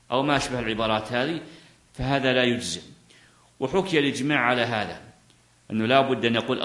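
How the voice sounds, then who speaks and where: A man's voice: medium pitch, a bit bright, echoey room. A man teaching a lesson on a classical legal text, reading a line and then explaining it by asking questions and answering them himself. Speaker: teacher of Islamic jurisprudence.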